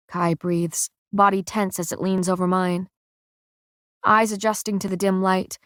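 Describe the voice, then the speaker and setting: Woman, audiobook narrator, first-person story, measured steady reading, mid-pitched voice, dry close sound. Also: dry recording.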